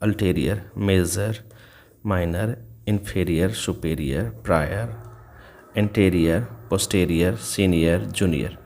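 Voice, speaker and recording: Male tutor, low voice, patient and repetitive, spells words letter by letter. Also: takes it slowly, darkish tone. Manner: patient, repetitive step-by-step explaining. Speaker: English teacher. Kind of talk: explaining grammar rules in Hindi.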